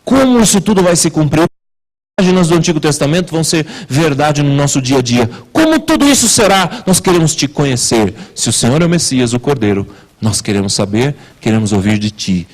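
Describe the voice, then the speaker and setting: A man preaching a sermon as pastor in a church, asking rhetorical questions with wide swings in pitch and loudness. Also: sing-song, fairly quick, low-quality recording.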